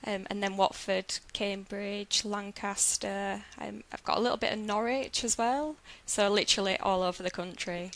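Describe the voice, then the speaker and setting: A woman with a Yorkshire accent answers podcast questions in a friendly, matter-of-fact way. Her voice is bright and clear on top, with a gravelly edge underneath. She speaks at a middling pitch. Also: fairly even intonation, moderate pace, hardly any pauses, rough recording. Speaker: guest, business development manager at a lender.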